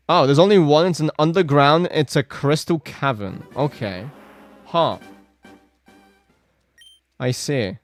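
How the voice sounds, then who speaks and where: A man chatting casually on a live game stream, rambling with lots of filler words and reacting to chat. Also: on the high side.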